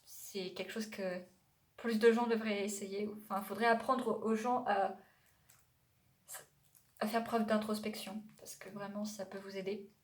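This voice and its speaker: A woman's voice: mid-range voice, flat delivery, a little slow, pauses often. A young adult woman from France talking casually to her vlog audience, rambling and digressing with many hesitations and self-corrections. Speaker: YouTuber. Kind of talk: casual vlog chat to camera.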